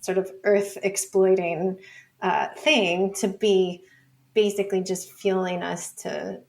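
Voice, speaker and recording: This medium-pitched woman sounds creaky, keeping a level tone at a slow pace. As a data researcher and author guesting on a podcast interview, she answers casually, peppering her explanations with "like," "sort of," and "you know."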